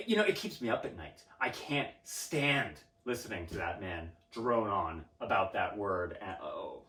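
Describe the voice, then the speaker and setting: A pompous man boasts and rants with lively swings in pitch, tripping over his restarts. He sounds set back from the mic, and the room around him rings with echo. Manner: pompous, self-aggrandizing, stammering restarts. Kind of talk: mock-serious interview rant. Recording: roomy sound from a distant mic.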